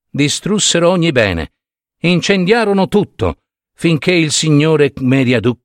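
A man narrating a medieval tale in an expressive, measured reading. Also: medium pitch, no echo, clean studio sound. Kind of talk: storytelling reading.

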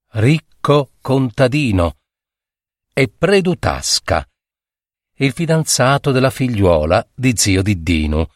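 A man narrating a literary short story in a measured, expressive reading on a close mic. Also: fairly low pitch, no room sound. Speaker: audiobook narrator.

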